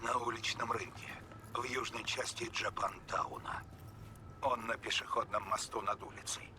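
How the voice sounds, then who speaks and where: Man acting businesslike game informant, somewhat low, terse, impatient orders, clear background noise. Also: steady tone, moderate pace, lightly acted. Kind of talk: video game dialogue acting.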